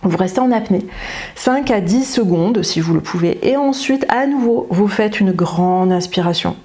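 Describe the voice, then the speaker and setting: Calm French-speaking woman, mellow tone. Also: medium pitch. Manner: slow soothing repetitions, occasional fillers like "hein" and "euh". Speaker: psychologist. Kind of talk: guided breathing and relaxation instruction.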